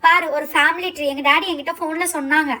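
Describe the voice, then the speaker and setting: A woman's voice: high-pitched, steady tone, quick pace, bright, forceful tone. Woman voicing a bossy sulking schoolgirl. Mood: boastful. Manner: stubborn, boastful, sulky. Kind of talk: doll show role-play.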